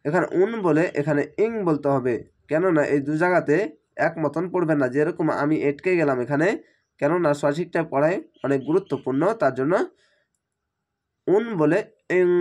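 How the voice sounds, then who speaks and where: A man with a somewhat high voice teaches recitation, breaking words into letters and vowel marks. He explains slowly and repeats himself with patience. His voice sounds a little strained, as if he is slightly unwell. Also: a little mellow. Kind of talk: spelled-out recitation lesson.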